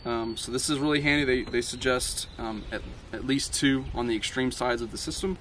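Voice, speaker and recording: Relaxed man giving an outdoor DIY walkthrough. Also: medium pitch, brisk, slight background noise. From Tennessee. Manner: relaxed, many ums and uhs, explains step by step. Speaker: DIY home builder. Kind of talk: casual how-to walkthrough. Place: outdoor building site in the country.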